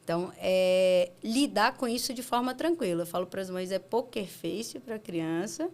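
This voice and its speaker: A woman pediatrician with a Brazilian accent, explaining calmly in a casual interview and acting out parents in quick asides. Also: medium pitch. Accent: Brazilian Portuguese. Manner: animated, acts out parents and children in quick asides. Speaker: pediatrician guest.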